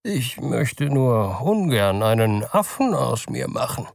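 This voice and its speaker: A man reading aloud, voicing a grumpy old man who complains in a slow, half-whispered voice. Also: medium pitch, sing-song, gravelly, dry recording, studio quality, full character voice. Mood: grumbling.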